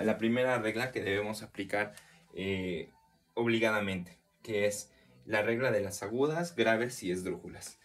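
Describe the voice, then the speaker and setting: A man teaching a poetry lesson, counting syllables aloud slowly, with frequent hesitations and restarts. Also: on the low side. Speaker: literature teacher. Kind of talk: explanatory recorded lesson.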